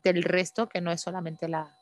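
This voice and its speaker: A woman's voice: on the low side, level tone, moderate pace, dry recording. A woman hosting a casual conversation, explaining her ideas at length in a reflective way.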